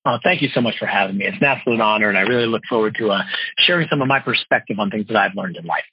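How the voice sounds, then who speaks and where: Man in his 40s, quick husky delivery, dry dull lo-fi podcast sound. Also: lowish voice, no room sound. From New Jersey. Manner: earnest, fast-talking, expressive storyteller. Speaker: guest, financial wholesaler and speaker. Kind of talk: podcast interview storytelling.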